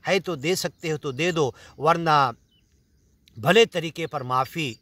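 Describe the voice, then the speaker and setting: Bright-voiced Indian man explaining scripture. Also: on the high side, no echo. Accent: Indian Urdu. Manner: earnest explaining, Arabic verses recited then paraphrased. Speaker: Quran teacher. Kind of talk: Urdu Quran explanation sermon.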